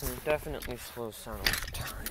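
A man narrating a casual vlog in a monotone with little word stress, recorded outdoors on a handheld device. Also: medium pitch, a little fast. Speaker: vlog host. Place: outdoors in a yard. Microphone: handheld camera or phone mic. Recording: loud outdoor engine noise, clicks, handheld.

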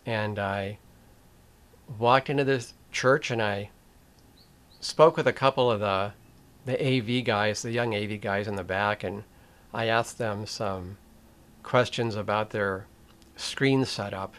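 An older man hosts a video essay, addressing the camera directly in a slow, reflective manner with pauses, restarts and a wry edge. His voice is on the low side and a bit bright.

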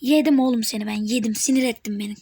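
A woman giving live gameplay commentary on her channel, excitable and teasing, talking back at the game as she plays. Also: fairly high pitch, fast talker, breathy edge. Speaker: gaming channel host.

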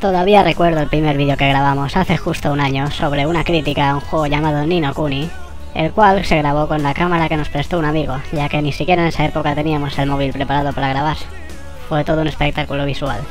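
A channel host with a Spain Spanish accent, voice sped up like a tape on fast forward, giving a sarcastic, swear-laden anniversary monologue. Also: medium pitch, steady tone, faint music behind. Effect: sped-up squirrel voice, like a tape on fast forward.

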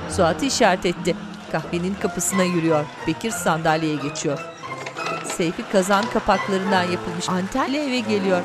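A woman narrating an audio description in a calm, even way. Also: fairly low pitch, normal speed, over music.

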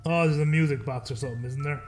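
A man's voice: medium pitch, fast talker. A man in his thirties giving casual, sweary, wry commentary while playing a game. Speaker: let's play streamer. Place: dim room at home. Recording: game music behind the voice. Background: horror game music and sounds.

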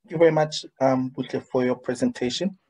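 A young man hosting a webinar over a video call, reading a guest's bio with frequent ums and pauses. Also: medium pitch, steady tone, a little mellow, low-quality recording. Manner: hesitant, many ums. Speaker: webinar host. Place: indoor room, padded wall behind. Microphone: video call webcam.

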